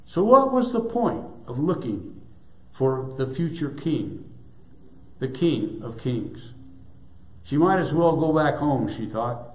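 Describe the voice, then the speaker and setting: A male preacher unhurriedly telling a story from the pulpit, every phrase set down with care. His voice sits at an ordinary middle pitch and rings around a reverberant church sanctuary. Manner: measured, deliberate storytelling. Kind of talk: storytelling sermon. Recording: echoey church room.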